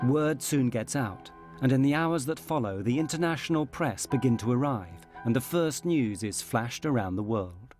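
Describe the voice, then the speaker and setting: A man narrating a documentary in a measured, dramatic scripted delivery. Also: medium pitch, expressive, a little mellow. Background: music.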